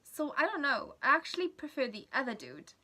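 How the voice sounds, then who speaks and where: Sharp in tone and a little fast, this vlogger's high-pitched, sing-song voice carries a Welsh accent. She's a young woman from Wales whose first language is Welsh, chatting casually through a rambling vlog full of giggly asides.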